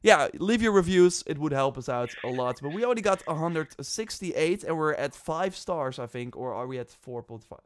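A man's voice: fairly high pitch, animated, moderate pace, hardly any pauses. A man from the Netherlands hosting a podcast, talking casually with lots of fillers and restarts. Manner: chatty, loose, many fillers and restarts. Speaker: podcast host.

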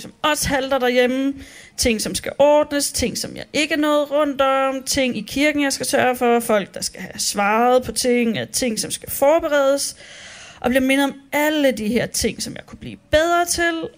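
A woman pastor giving a candid, conversational devotional talk about her own restless thoughts. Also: a little high.

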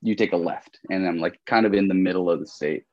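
Talking at a quick pace in a low voice, a young man from Colombia is a podcast guest in a casual conversational interview. He rambles in a relaxed way, using a lot of "like" and "you know." There's no room sound, and the highs are cut off.

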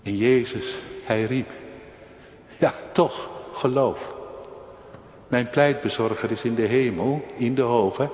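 A man's voice: medium pitch, takes it slowly, pauses often, a little mellow. A man preaching a sermon with emphatic delivery, repeating key phrases for weight. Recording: echoey hall with long reverb.

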